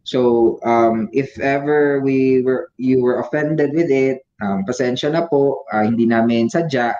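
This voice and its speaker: A man's voice: medium pitch, slow pace, warm tone. Visayan guy hosting a chill podcast, laughs a lot, mixes in english, dull muffled recording. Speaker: podcast host. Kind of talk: casual podcast chat.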